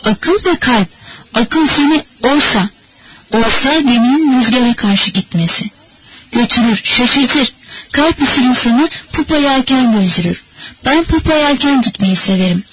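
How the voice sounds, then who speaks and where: A man's voice: very high-pitched, lively intonation, unhurried, noisy background. A woman reading the lines of a generous, carefree wealthy man in an audiobook, with an easygoing manner.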